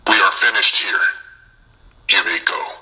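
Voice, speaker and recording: A man's voice: deep voice, steady tone, a little slow, bright, forceful tone, full character voice. An actor playing a cold, commanding masked male villain, heard through a mask voice changer played back from a soundboard. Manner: clipped, menacing canned phrases.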